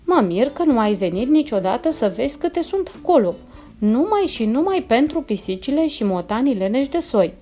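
Woman voicing a sly scheming she-cat, coaxing, storybook, mellow voice, soft music. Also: high voice, very animated.

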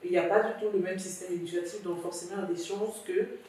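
A woman's voice: lowish voice, steady tone, fast, a little mellow, a little hiss or hum. A woman from Cameroon hosting a podcast interview, reflective and relating the topic to her own experience. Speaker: podcast host. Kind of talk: conversational interview. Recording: echoey room, distant mic.

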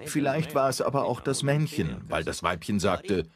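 A man's voice: medium pitch, very animated, moderate pace, a crowd in the background. A man giving expert commentary as an interview voice-over in a nature documentary. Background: prominent background music.

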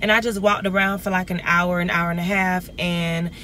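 A woman's voice: lowish voice, little pitch movement, moderate pace, bright, forceful tone, slight background noise. A young woman, chatting casually to viewers in a vlog from her phone. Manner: chatty, rambling, addresses viewers as y'all. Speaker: vlogger. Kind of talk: casual vlog chat to camera. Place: home living room, then parked car. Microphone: phone camera at arm's length.

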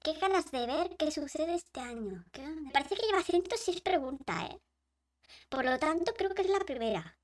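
A woman's voice: high-pitched, very animated, moderate pace. A young woman, joking playfully while chatting through quiz questions. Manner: playful, jokey, laughing. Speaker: vlogger. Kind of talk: casual quiz chat.

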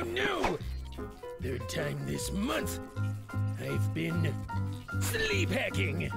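Melodramatic, high-pitched cartoon cop. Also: male voice, gravelly, full character voice. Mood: melodramatic dismay. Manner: melodramatic, wordy, self-pitying. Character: neurotic, sleep-hacking male police officer, melodramatic and oblivious. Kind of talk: cartoonish video game character acting.

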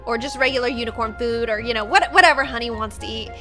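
Hosting a gaming video, a young adult woman acts out a dramatized roleplay with lots of expression. Her voice is fairly high, fast and sharp, with faint music behind her.

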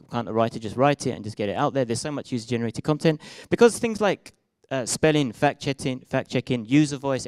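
A young British-accented man from Britain and Israel speaks casually at a meetup, handheld microphone in hand and slides projected, his talk hesitant with frequent fillers and restarts. His medium-pitched voice sounds a little mellow on a dry recording.

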